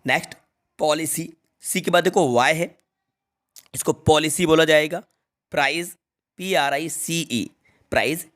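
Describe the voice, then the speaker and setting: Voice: medium pitch, fairly bright tone. An English teacher giving a spelling lesson in Hindi, spelling words out letter by letter and then repeating them, with frequent direct reminders to the students.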